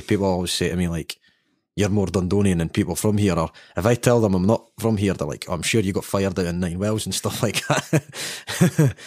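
Laughing Dundee Scottish man, low voice. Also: no echo, clean studio sound. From Ethiopia. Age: 30s. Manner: rambling, laughs often, many fillers. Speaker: podcast guest. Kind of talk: casual chat.

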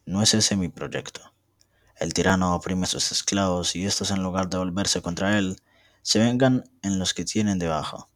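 A man's voice: deep voice, steady tone, moderate pace, a bit bright, no echo, studio quality. A young man reading aloud as a bitter, vengeful man who speaks in resentful threats. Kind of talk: amateur reading of a novel.

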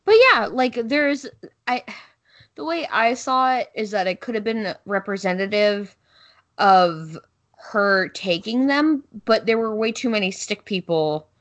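A woman co-hosting a casual movie chat, opinionated and quick to cut in. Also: mid-range voice, expressive. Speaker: podcast co-host.

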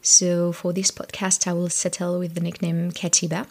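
A woman from France speaking softly and haltingly as she reflects on what she is proud of. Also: on the low side, completely flat delivery. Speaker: podcast guest. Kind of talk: personal reflection.

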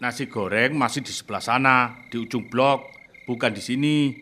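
A stern, curt stranger in a radio drama, played by a man, his voice bright and cutting. He gives short commands from a little distance, with a faint hiss behind. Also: mid-range voice, normal speed, close to an everyday voice. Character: stern scavenger man guarding haunted house.

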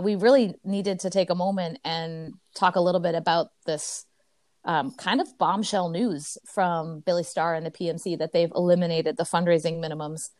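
Woman, podcast co-host, loud voice, upbeat chatty delivery, lowish pitch, dry sound. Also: dry recording. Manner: chatty, upbeat, many fillers. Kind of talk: casual chat.

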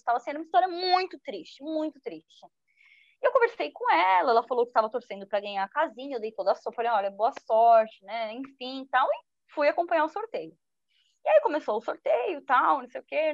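High-voiced woman journalist telling stories. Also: no room sound. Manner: lively, acts out quoted speech. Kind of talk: personal storytelling in an interview. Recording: dull lo-fi dry sound.

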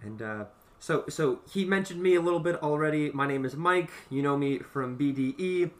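A man's voice: a little high, normal speed, far from the mic. A man hosting a casual podcast, chatty and self-deprecating, laughing often as he talks. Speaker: podcast host. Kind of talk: casual chat.

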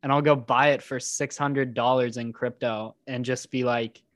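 A man's voice: medium pitch, fairly even intonation, normal speed, dry recording, studio quality. A young man guest on a podcast, talking easily and casually, hedging his points with lots of "like.". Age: young adult. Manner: easygoing, hedging, "like"-filled. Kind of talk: casual chat.

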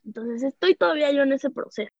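A young woman with a Mexican accent talks candidly, circling back with fillers as she tells her own story. Her voice sits fairly high. The recording is dull and lo-fi, with a dry, close sound. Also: fast, a little mellow, no room sound. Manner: candid, rambling with many fillers. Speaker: podcast guest. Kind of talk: personal storytelling in casual chat.

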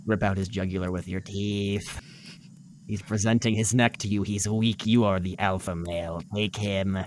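A man voicing a sinister entity that demands worship and urges violence, speaking in a slow, coaxing, commanding way. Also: fairly low pitch, steady tone, a little hiss or hum, lightly acted.

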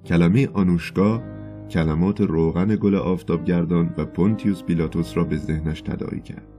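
A man reading a novel aloud in measured, scripted audiobook narration. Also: low voice, steady tone, warm tone, faint music behind.

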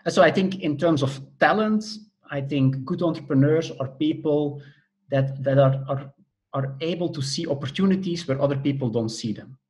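With a fairly high, slightly mellow voice at a moderate pace, a middle-aged man from Belgium responds to an interview. He teaches entrepreneurship as a professor and works through his answers carefully, step by step, often hesitating.

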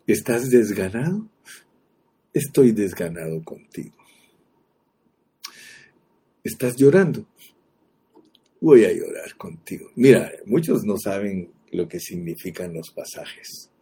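Deep dark voiced preacher guy, slow and husky, asks the congregation stuff. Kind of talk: sermon.

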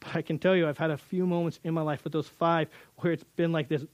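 A man's voice: a little high, fairly even intonation, fast talker, darkish tone, dry recording, highs cut off. A man teaching through a Bible passage in earnest, often repeating words as he builds emphasis.

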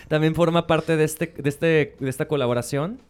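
Slangy Mexican man, smooth higher voice. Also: a little slow. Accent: Mexican Spanish. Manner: slangy, laughs often, playful. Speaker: podcast co-host. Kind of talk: casual chat.

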